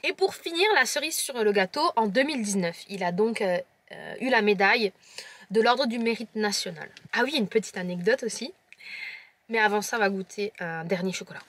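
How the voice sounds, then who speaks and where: A woman with a Lorraine French accent speaks at a brisk clip, her medium-pitched voice expressive with a fairly bright tone. In this casual tasting vlog she samples chocolates on camera, describing them playfully and teasing her viewers in a chatty way.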